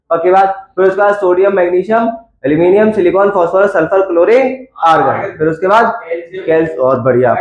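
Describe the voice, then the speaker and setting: A man teaching a science class in a chatty, coaxing lecture style, quizzing his students as he goes. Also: sits high. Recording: echoey classroom.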